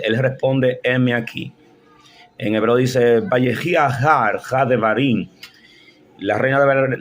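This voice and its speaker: A man's voice: medium pitch, slight background noise. Spanish-speaking man teaching Bible study. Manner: explanatory, addresses the listener directly, frequent restarts.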